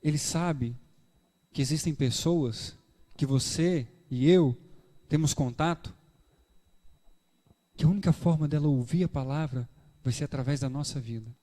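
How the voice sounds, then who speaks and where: A man preaching a sermon with a Brazilian Portuguese accent, animated, acting out dialogues in shifting voices. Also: on the high side, measured pace, pauses often. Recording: reverberant church hall.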